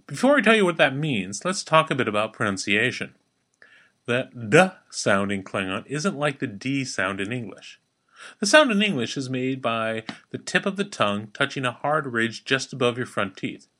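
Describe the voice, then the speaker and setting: A man hosting a daily language-lesson podcast, teaching in a playful, wry way and slowing down to model sounds for the listener. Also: mid-range voice, big pitch swings, pushed and bright. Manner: slows down to spell out and model pronunciation.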